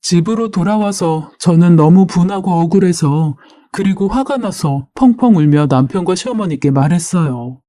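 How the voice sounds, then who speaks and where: A woman narrating a listener's story in a steady, first-person storytelling manner. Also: on the low side, normal speed, hardly any pauses, no echo, studio quality. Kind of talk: reading a listener's story aloud.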